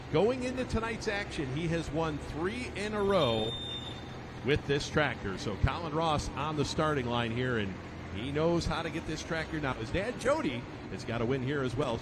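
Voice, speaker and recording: A man calling a live tractor pull as the event announcer, building up the competitors and their records. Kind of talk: live motorsport event commentary. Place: outdoor tractor pulling event. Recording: noisy outdoor event with engine rumble.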